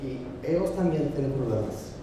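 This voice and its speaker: A man from the United States with an American accent, a native English speaker giving unscripted panel remarks in halting, non-fluent Spanish. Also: mid-range voice, expressive. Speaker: expert panelist. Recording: very echoey hall, distant, noisy.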